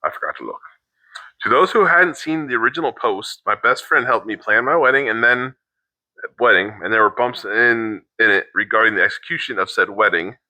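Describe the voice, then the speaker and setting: Middle-aged male co-host, sharp bright tone, dry close sound, reads posts aloud haltingly with blunt asides. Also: fairly low pitch, animated, dry recording, rough recording. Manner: halting, restarts mid-sentence, swears in asides. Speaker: co-host reacting to online posts. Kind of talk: reading aloud with casual commentary.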